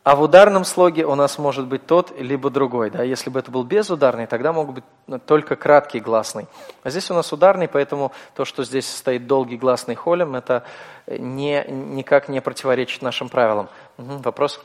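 A man lecturing to a class, patient and explanatory, pausing often with small hesitations. His voice sits at an ordinary middle pitch and carries a long reverb from the hall around him. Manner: patient, explanatory, with frequent fillers. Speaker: teacher.

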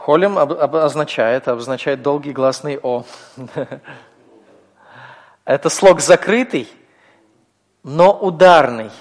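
A man's voice: on the high side, takes it slowly, long pauses, big-room sound. A man teaching a class, explaining step by step in a patient manner with frequent hesitations. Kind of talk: classroom lecture.

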